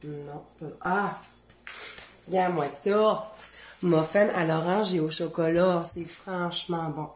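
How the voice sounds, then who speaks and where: A woman's voice: lowish voice, slow, echoey room. A woman with a Beauce Quebec French accent, hosting a casual cooking demonstration in her home kitchen and chatting to viewers as she tastes. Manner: chatty, animated, talks to viewers while tasting. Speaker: cooking show host.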